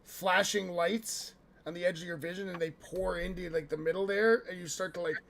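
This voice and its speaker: A man's voice: high voice, fairly even intonation, normal speed, creaky, a bit bright, slight background noise. A man casually narrating a tabletop game as the game master.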